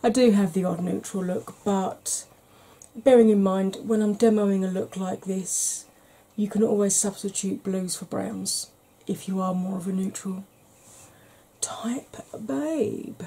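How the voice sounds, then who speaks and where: A middle-aged beauty YouTuber chats softly and unhurriedly in ASMR style, rambling gently about all sorts of things during a makeup chat. Her medium-pitched voice is mellow, slightly husky, and relaxed and warm. She sits close to the camera in a small room at home.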